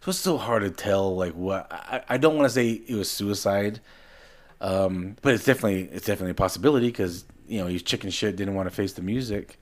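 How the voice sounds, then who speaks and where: A man with a fairly low voice co-hosts a casual podcast. He talks animatedly and loosely, often repeating words and restarting mid-thought. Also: fast. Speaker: podcast co-host. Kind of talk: casual chat.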